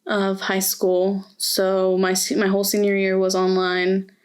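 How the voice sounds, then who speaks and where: A woman's voice: mid-range voice, completely flat delivery, unhurried, clear, resonant tone. A young woman from Mexico, interviewed as a student, speaking earnestly and reflectively with frequent hesitations. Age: young adult. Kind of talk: oral history interview. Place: university campus.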